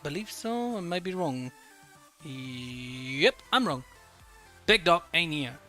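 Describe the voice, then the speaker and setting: A man's voice: fairly high pitch, animated, takes it slowly, pushed and bright, faint music behind. A man streaming live, chatting casually and greeting his viewers one by one, often repeating words as he talks. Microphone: desk microphone.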